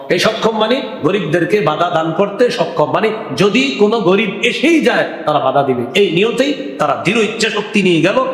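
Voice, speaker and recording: Preacher chanting in an echoing hall. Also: male voice, fairly high pitch. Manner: chants Arabic verses, then explains them in lively colloquial speech; acts out the people in the story, whispering and urging. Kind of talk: Bangla waz sermon with Quranic recitation. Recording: echoey hall with long reverb.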